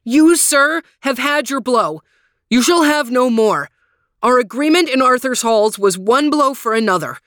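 A woman's voice: high-pitched, animated, a little slow, fairly bright tone, dry recording, clean studio sound, voice pushed up. A woman voicing a proud young male knight who speaks heatedly and defiantly, raising her voice.

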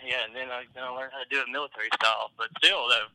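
A man's voice: mid-range voice, fairly even intonation, very fast, bright, forceful tone, dry recording, low-quality recording. A man phoning in to a talk show, heard over a phone on speakerphone, chatting casually and calling people man and dude. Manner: laid-back, calls people man and dude. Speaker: phone-in caller.

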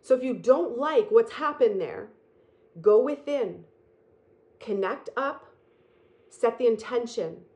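A woman's voice: fairly high pitch, lively intonation, a little mellow. Earnest woman giving a spiritual pep talk. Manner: earnest, repetitive, emphatic and slow on key phrases. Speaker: spiritual speaker.

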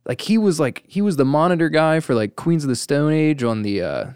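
A man's voice: on the high side, lively intonation, fairly quick, darkish tone, clear, resonant tone, no echo, clean studio sound. A man hosting a podcast, talking casually about audio work, with lots of like as filler. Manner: casual, heavy use of like. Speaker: podcast host and audio tech.

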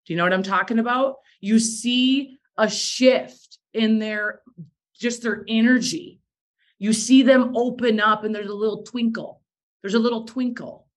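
A woman's voice: on the high side, steady tone, a little slow. A woman giving a motivational talk to a sales team, emphatic and repeating phrases for effect, with a bit of morning voice. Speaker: direct sales team leader.

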